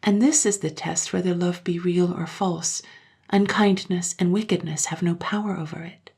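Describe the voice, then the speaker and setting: A woman voicing a gentle, sorrowful young mother who speaks softly to her children. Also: lowish voice, normal speed, breathy edge. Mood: tender. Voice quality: soft, tender.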